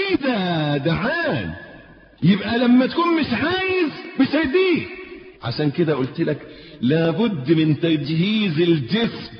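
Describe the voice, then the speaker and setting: A man preaching a sermon in Egyptian Arabic, telling stories with sudden loud peaks and slow drawn-out emphasis. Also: high voice, big-room sound, dull audio.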